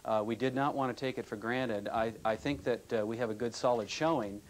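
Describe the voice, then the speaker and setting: A man, a mayor, answering a live news interview with many pauses and fillers. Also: mid-range voice, slight background noise, poor audio.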